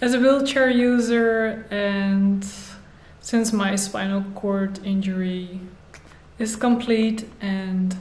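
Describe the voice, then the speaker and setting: Slow-talking woman in an echoey room. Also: mid-range voice, steady tone, darkish tone. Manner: slow, thoughtful, with pauses and fillers. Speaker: vlogger. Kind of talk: casual talk to camera. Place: bright room indoors. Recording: echoey room, faint noise.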